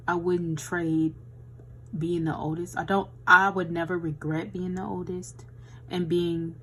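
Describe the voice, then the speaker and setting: A woman's voice: fairly low pitch, a bit bright, slight background noise, poor audio. A woman in her twenties chatting casually while swatching nail gels, with a tired voice and a rambling, chatty way of talking. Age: 20s. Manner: chatty, rambling, says "y'all". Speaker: beauty vlogger.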